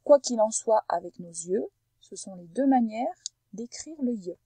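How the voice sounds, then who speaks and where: A woman teacher guides a young pupil through phonics in a mellow, slightly husky, somewhat high voice. She is animated yet patient, slowing down to carefully over-articulate each sound for the child. The recording is close and dry, with poor audio.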